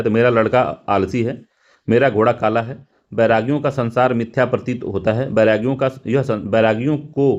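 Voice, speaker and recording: A man's voice: medium pitch, darkish tone, muffled recording. A male teacher going through exam practice questions, repeating words and correcting himself, with frequent fillers. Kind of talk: explaining test answers.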